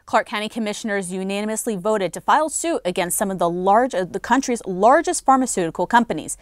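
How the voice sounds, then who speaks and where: A woman's voice: mid-range voice, expressive, fast talker, no echo. Woman anchoring news in a dry studio. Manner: clear, formal reading. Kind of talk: read news bulletin.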